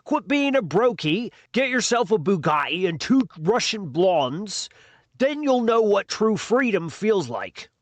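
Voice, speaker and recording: Man playing a boastful rich braggart, sneering, slow and drawn-out, bright and high, dry close sound. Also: very animated, dry recording. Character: brash boastful rich young man mocking the poor. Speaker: comedy sketch performer.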